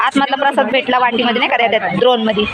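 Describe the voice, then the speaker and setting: A woman chatting excitedly to her viewers in a casual vlog, filmed outdoors on a handheld phone. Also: fairly high pitch, very fast. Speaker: vlogger. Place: outdoors by a road, in fields and at a temple. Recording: loud crowd and traffic noise outdoors. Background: loud crowd chatter and vehicle noise.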